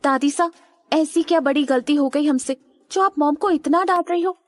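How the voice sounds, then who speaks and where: A man's voice: very high voice, moderate pace, dry recording, voice pushed up. A man voicing a defiant young woman who speaks up indignantly in an audiobook story. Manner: indignant, pleading. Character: defiant young woman standing up to her grandmother. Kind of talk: audiobook character voice.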